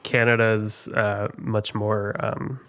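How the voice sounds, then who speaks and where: A man's voice: fairly low pitch, little pitch movement, fairly bright tone, clear, resonant tone. Chatty male trivia host. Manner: chatty, halting, laughs at own mistakes. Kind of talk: casual podcast quiz.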